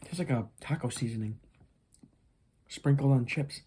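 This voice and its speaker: A food review host chatting casually in a low-key, hesitant, unhurried way. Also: background noise. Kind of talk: casual snack review chat.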